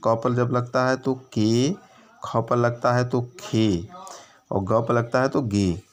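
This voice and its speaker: A man teaching young children in in a patient, explanatory way, stretching out each syllable as he demonstrates it. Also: mid-range voice. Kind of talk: children's lesson on Hindi vowel signs.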